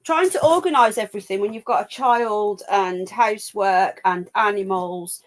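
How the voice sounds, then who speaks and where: On a laptop mic at home, a woman hosts a live call-in stream, chatting frankly and rambling in a casual way. She sounds a bit full of cold, with a mid-range voice at a moderate pace.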